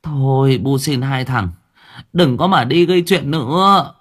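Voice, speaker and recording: A man's voice: measured pace, slightly rough. A man voicing an anxious mother begging her unruly sons to stop, in a storybook reading. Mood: pleading. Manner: begging, high-pitched pleas. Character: worn-out pleading mother, anxious and tender.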